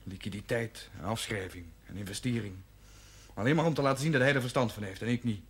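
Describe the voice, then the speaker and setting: Acting in 1970s TV drama style, this man voices a combative, resentful young worker who talks bluntly and defiantly. His mid-range voice moves at a quick pace and sounds close to normal conversation, carrying a bitter, subdued mood.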